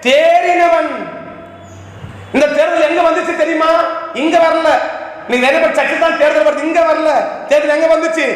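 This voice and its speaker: A man's voice: very high voice, level tone, moderate pace, long pauses. A man preaching a sermon to a congregation, firing off rhetorical questions one after another. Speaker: pastor. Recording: echoey hall reverb.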